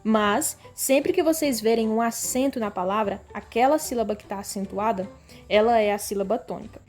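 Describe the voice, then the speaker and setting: A Brazilian woman teacher giving a recorded grade-school language lesson, calling the class "pessoal" and drawing words out slowly so pupils can hear the stressed syllable. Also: a little high, darkish tone, soft background music. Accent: Brazilian Portuguese. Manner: slow, stretched-out word readings for pupils.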